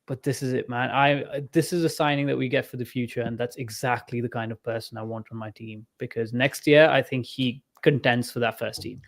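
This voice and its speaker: A man's voice: medium pitch, steady tone, brisk, vocal fry, hardly any pauses. A man co-hosting a casual podcast, enthusiastic and laughing easily. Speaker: podcast co-host. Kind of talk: casual chat.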